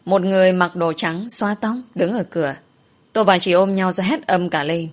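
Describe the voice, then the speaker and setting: A woman's voice: fairly low pitch, fairly quick. A woman narrating a first-person story, dramatically voicing the heroine's fears.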